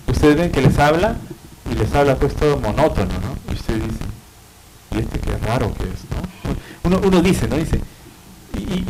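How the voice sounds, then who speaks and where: A man's voice: mid-range voice, background noise. Lecturing man with rhetorical tag questions. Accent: Peruvian Spanish. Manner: explanatory, frequent tag questions and fillers. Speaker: psychiatry lecturer. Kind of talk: university lecture.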